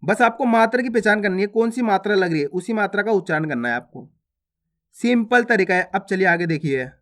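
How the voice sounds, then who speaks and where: A man's voice: high-pitched, lively intonation, fairly quick, fairly bright tone. A male teacher giving a beginners' reading lesson, patiently drilling syllables and speaking to the viewers as friends.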